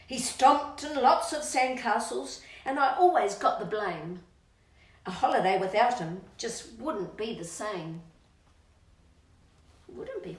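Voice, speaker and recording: Her fairly high, fairly bright voice carries a playful sing-song storybook reading for children, with stretched-out words and chatty asides to her dog. She hosts a storytime channel, recorded from afar in an echoey room.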